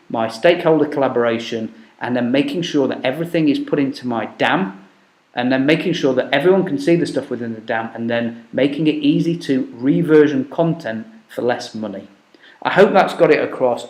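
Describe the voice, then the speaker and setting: Halting man demoing software. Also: mid-range voice. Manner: halting, many fillers and restarts. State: losing his voice. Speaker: software demo presenter. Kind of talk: unscripted product walkthrough. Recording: echoey room.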